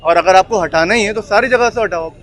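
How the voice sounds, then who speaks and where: Out on a city street, a man gives his opinion firmly and insistently in an interview, traffic audible behind him. His voice sits high, a bit bright, and runs a little fast.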